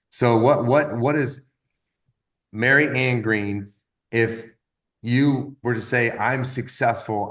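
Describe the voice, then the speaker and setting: Man, fifties, motivational coach, casual chat, rambling, repeats words, middle pitch. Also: fairly bright tone. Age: 50s. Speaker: wellness business coach.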